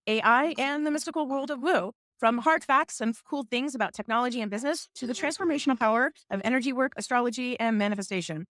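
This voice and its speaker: Lively, playful woman podcast host. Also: sits high, no room sound, clean studio sound. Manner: playful, self-mocking storyteller. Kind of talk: casual podcast monologue.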